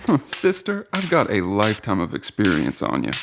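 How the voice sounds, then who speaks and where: A gravelly, wry inner monologue. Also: male voice, fairly low pitch, wildly swooping pitch, moderate pace, background noise, heavily acted. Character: reborn boy's inner adult voice, wry man. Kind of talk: audio drama acting.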